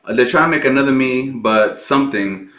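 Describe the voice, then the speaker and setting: An excitable man giving casual reaction commentary on a song. His voice is bright and forceful, with a loose, profane way of talking. The sound bounces around an echoey room. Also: mid-range voice, a little fast. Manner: excitable, profane, laughs often. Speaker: music reaction host.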